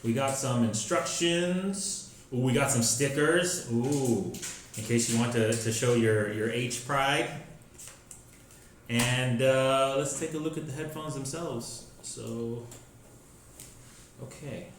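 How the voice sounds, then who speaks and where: A man's voice: mid-range voice, slow. A man, a tech reviewer, casually unboxing and describing a product in a rambling way, with many fillers and restarts. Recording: very echoey room, faint noise.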